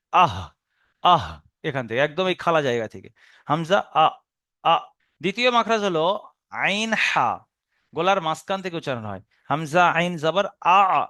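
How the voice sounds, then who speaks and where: A man teaching where Arabic letters are pronounced, patiently repeating and demonstrating each sound slowly, with a Bengali accent. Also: high-pitched, fairly bright tone, dry recording, clean studio sound. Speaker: Quran recitation teacher. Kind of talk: explaining Arabic letter pronunciation.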